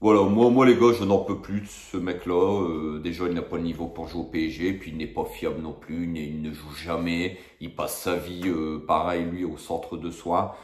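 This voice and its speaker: Low-voiced man in an exasperated comic rant. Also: fairly even intonation, normal speed, hardly any pauses, a little mellow. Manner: escalating, comic exaggeration with blunt slang; emphatic, repeats key phrases. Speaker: football fan commentator. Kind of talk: exasperated football rant, casual direct address to viewers. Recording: echoey, roomy sound.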